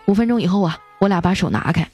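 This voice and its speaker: A woman hosting a radio show, telling comic jokes in an animated storytelling way and playfully acting out the people in her stories. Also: fairly low pitch, fast talker, faint music behind.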